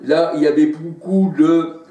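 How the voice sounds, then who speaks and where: A man preaching a sermon, halting as he searches for Bible verses and dropping in frequent hallelujahs. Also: on the high side, steady tone, mellow. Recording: echoey room, voice far from mic.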